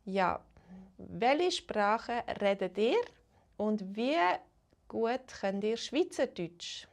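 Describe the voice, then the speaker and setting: Slow-talking Swiss woman teacher chatting live. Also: medium pitch, expressive. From Switzerland. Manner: greets chat viewers, slow and unhurried, switches between English and German. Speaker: Swiss German teacher hosting a live stream. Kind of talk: casual live-stream chat with viewers.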